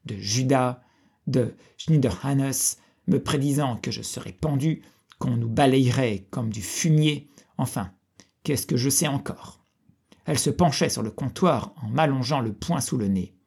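Man reading an old novel aloud, steady, gravelly and a bit husky. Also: mid-range voice, measured pace. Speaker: audiobook reader.

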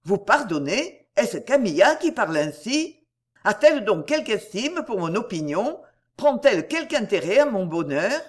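Woman reading as an ardent young gentleman. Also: medium pitch, sing-song, a little slow. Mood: ardent, pleading. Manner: pleading, impassioned. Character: earnest lovesick young gentleman.

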